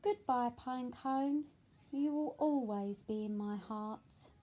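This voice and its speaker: A woman voicing a small, kind young penguin in a children's picture book, with an eager, bright read-aloud voice. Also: fairly high pitch, slow.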